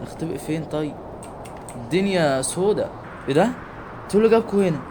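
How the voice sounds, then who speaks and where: Excitable Egyptian gamer, higher voice. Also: male voice, fast talker. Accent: Egyptian Arabic. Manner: excitable, jokey, reacts loudly then drops to mutters. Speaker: gaming YouTuber. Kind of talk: let's-play commentary. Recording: steady background noise.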